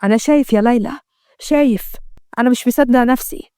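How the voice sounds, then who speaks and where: A woman's voice: on the high side, fast talker, dark tone, clean tone, no echo, clean studio sound, lightly acted. A woman doing an earnest young husband. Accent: Egyptian Arabic. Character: young husband, once blind, proud and hurt.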